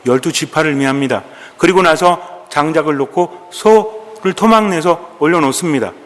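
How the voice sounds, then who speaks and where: Priest giving a sermon, kinda high voice, chatty q-and-a style with the congregation, big echoey church. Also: male voice, normal speed. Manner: storytelling, asking the congregation questions and answering them; colloquial and animated, acting out quoted dialogue. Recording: long echoing church reverb.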